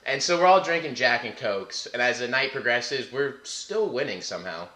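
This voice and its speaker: Man, co-host, bright and animated storyteller; echoey room sound. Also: medium pitch, moderate pace. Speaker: podcast co-host. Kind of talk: casual storytelling chat.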